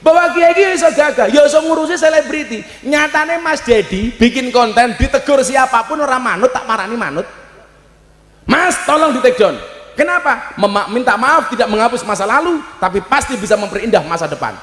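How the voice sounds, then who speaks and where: Joking Javanese preacher in an echoey hall. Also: male voice, extremely high pitch, lively intonation, fairly quick, few pauses. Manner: joking, bursts into loud emphatic shouts. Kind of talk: humorous live sermon. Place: large hall at a live religious gathering. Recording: echoey hall with long reverb.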